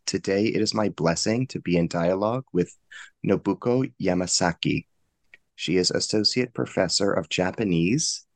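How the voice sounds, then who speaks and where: Deep gravelly formal podcast host. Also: male voice, no echo. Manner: formal, courteous. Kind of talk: formal interview introduction.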